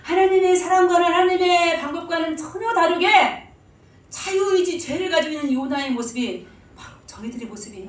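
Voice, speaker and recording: A woman pastor delivers a sermon, asking her congregation questions and then answering them herself. She pushes her key points hard, at times almost shouting. Her voice is a little high and comes from some way off in a reverberant church, with a faint background hum. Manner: rises to emphatic, near-shouting stress. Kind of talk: interactive sermon with congregation call-and-response. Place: church sanctuary. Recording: echoey church sound from a distance, faint room noise.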